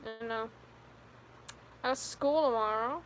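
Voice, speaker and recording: A woman's voice: a little high, measured pace, slight background noise. A fifteen-year-old girl chatting on a live stream, telling rambling stories with lots of giggles and fillers. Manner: giggly, rambling storyteller with many "like"s. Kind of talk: casual live stream chat with viewers.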